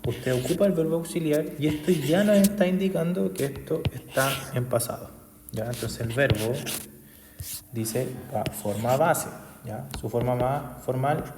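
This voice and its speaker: Teacher in an echoey room. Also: male voice, mid-range voice, measured pace, background noise. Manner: constant tag questions, patient explaining. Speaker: English teacher. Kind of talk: explanatory class recap video.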